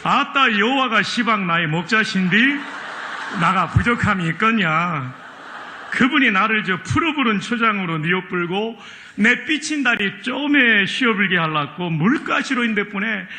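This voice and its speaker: A pastor reading a psalm in a put-on Jeolla dialect, with drawn-out exclamations and laughter. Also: male voice, sits high, expressive, pushed and bright, pitched above the performer's own voice, full character voice. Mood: exuberant. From Chungcheong, Korea.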